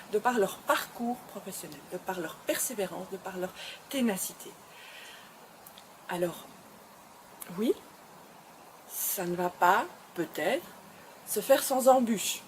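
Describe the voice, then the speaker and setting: A woman's voice: mid-range voice, animated, unhurried, pauses often, slight background noise. A woman hosting her web show, speaking to camera in an encouraging, emphatic way and often repeating phrases. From Belgium. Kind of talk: motivational address to camera.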